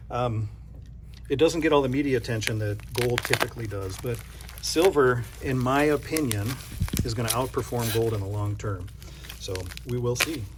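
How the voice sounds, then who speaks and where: A man's voice: medium pitch, noisy background. A man from North Dakota who runs a coin shop, chatting casually and thinking aloud as he unboxes silver bars, with self-deprecating asides.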